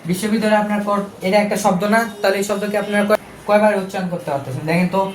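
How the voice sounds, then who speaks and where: Fast high-voiced man teaching a lesson. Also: echoey room, a little hiss or hum, poor audio. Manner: chatty, self-correcting, with fillers. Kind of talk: casual video lesson.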